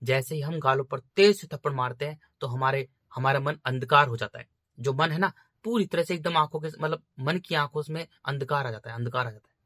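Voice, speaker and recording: A man preaching in a bright, forceful voice, pressing the same point over and over. He speaks to his listeners as brothers in an informal, insistent way. The sound is dry and close, with almost no room around it. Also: mid-range voice, brisk, dry recording. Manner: insistent, repetitive exhortation. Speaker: spiritual speaker.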